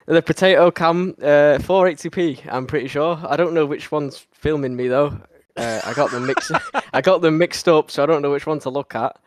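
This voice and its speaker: A man's voice: a little high, moderate pace, hardly any pauses, no echo. A man, a sim racing driver, answering interview questions with self-mocking laughs. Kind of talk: interview on a stream.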